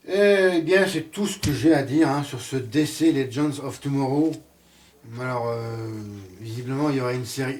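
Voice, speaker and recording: A man's voice: medium pitch, distant mic. A man giving a casual spoken series review, hesitant and full of fillers and restarts.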